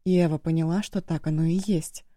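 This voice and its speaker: A woman reading an audiobook as narrator, in steady scripted narration. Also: sits low, a little fast, no room sound, clean studio sound.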